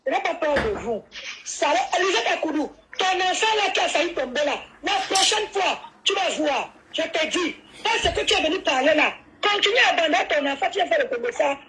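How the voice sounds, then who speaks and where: A woman's voice: extremely high pitch, lively intonation, a little fast, a bit bright, slight background noise. A woman, defiantly insulting and repeating herself in a heated live-stream argument.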